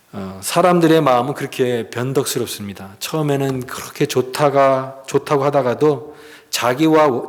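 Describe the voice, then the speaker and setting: A man preaching a sermon as pastor, earnest and emphatic, often putting questions to the congregation. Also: mid-range voice. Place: church sanctuary. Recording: long reverb of a church hall.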